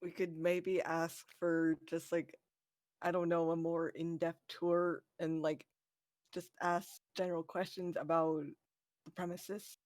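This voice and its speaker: A player in a tabletop role-playing game talks tentatively and politely while in character. The voice is mid-pitched and recorded dry, with no room echo. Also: level tone, takes it slowly, darkish tone. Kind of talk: in-character roleplay.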